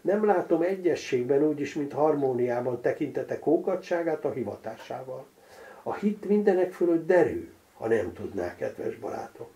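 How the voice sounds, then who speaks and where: A man voicing a sharp-tongued noblewoman who teases a shy young priest, in a raised, lively voice. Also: on the high side, lo-fi sound, pitched above the performer's own voice. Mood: teasing. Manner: mocking, brisk, teasing.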